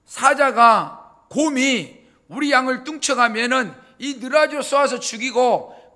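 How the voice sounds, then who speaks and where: A man's voice: very high voice, sharp tone, heavily acted. A man voicing a fearless, indignant young shepherd boy who hurls urgent, raised retorts.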